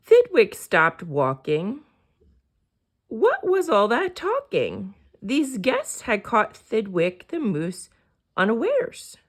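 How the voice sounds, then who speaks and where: A woman reading a children's picture book aloud as an expressive storyteller. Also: fairly high pitch, slow pace.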